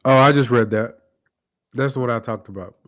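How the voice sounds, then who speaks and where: A man's voice: medium pitch, a little fast, no room sound, studio quality. A man with a stuffy, nasal voice from a cold, co-hosting a casual post-game basketball chat in a laid-back, slangy way full of fillers. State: sick, congested nasal voice. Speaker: co-host of a basketball podcast.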